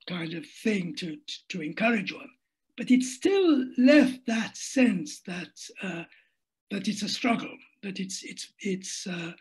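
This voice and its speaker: This older man's voice sits high but has a darkish, slightly rough tone. He's a writer being interviewed on a video call, using his laptop webcam at a desk in a home room. He reflects hesitantly, thinking aloud and restarting frequently.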